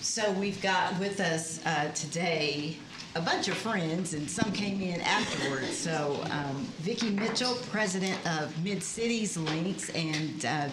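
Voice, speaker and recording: A woman's voice: on the low side, takes it slowly. A woman county commissioner speaking formally at a public meeting, presenting a resolution. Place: government meeting chamber, indoors. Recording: echoey, noisy public meeting room.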